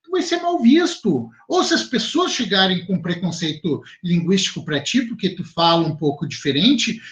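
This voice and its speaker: A man with a Rio Grande do Sul accent teaching a class, lively and chatty, speaking straight to his students. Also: high-pitched, normal speed. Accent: southern Brazilian, Rio Grande do Sul. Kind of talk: online class talk to students.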